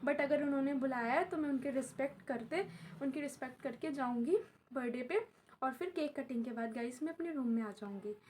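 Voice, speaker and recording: A woman's voice: high voice, fairly quick, a little mellow, slight background noise. A young woman vlogging casually from home, chatty and repetitive. She is unwell and in pain. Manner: chatty, repeats herself, addresses viewers as guys. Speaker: vlogger and tuition teacher. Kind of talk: casual vlog talk to camera. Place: at home while her mother does her hair.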